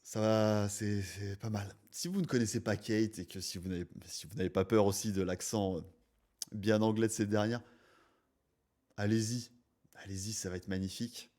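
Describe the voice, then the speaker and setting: A man's voice: on the low side, fairly even intonation, normal speed, mellow. A man hosting his channel, giving playful, mocking commentary on a cooking video. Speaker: video reaction host. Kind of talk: casual reaction commentary.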